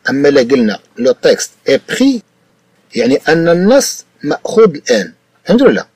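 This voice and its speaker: Speaking fast in a sing-song way, this Moroccan-accented man has a medium-pitched, slightly mellow, husky voice on a dry recording. He's giving a patient French tutoring lesson, going over points again and making sure his student follows.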